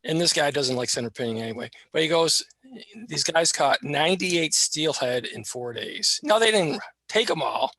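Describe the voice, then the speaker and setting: Bright, gravelly man, dry sound. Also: on the high side, expressive, normal speed, dry recording. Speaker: club member. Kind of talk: casual discussion.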